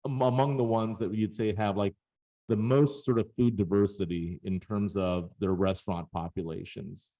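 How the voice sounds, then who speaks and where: A man walks listeners through charts in a relaxed webinar presentation. His voice sits fairly low and has a warm, mellow tone. He talks casually and fills pauses with little "um"s and "like"s. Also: low-quality recording.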